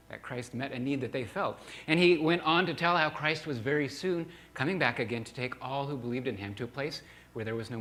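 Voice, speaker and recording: A man's voice: medium pitch, fairly bright tone. Earnest male preacher telling a story. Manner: earnest, halting with repeated words. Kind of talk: sermon storytelling.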